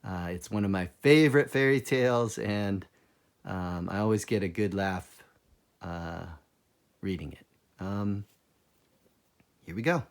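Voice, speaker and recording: A man reading a children's fairy tale aloud in an expressive storytelling manner. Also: sits low, unhurried, long pauses. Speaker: storybook reader.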